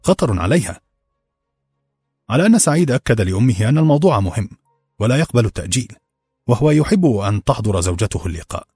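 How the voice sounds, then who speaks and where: A man narrating a novel in brisk, even storytelling. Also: medium pitch, husky, dry recording, faint music behind. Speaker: audiobook narrator. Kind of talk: scripted narration.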